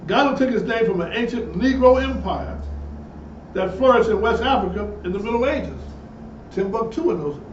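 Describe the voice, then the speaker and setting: A man preaches a sermon, reading passages aloud and breaking in with emphatic asides. His voice sits high with a darkish tone. The recording is echoey, distant and dull, with a lo-fi quality and a little hiss or hum.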